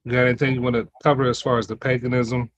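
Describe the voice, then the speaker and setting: A man hosting a casual panel, briskly prompting guests with questions. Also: medium pitch, little pitch movement, lo-fi sound, slight background noise. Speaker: host. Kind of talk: casual chat.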